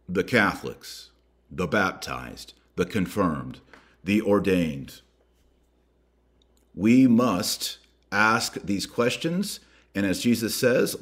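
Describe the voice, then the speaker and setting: Lively intonation colors the deep, low voice of this religious podcast host as he emphatically exhorts listeners. His preachy delivery relies on dramatic pauses and repetition, mixed with colloquial turns of phrase.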